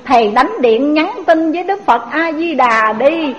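Woman acting out an old woman, soft begging voice, high, dull recording. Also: expressive, measured pace. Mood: tearful begging. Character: elderly woman, devout and pleading.

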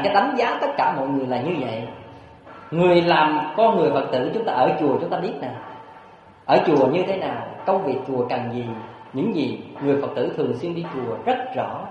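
A man preaching a Buddhist sermon, animated and storytelling, with frequent rhetorical questions to his listeners. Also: on the high side, slight background noise. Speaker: Buddhist monk. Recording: echoey hall, dull lo-fi sound.

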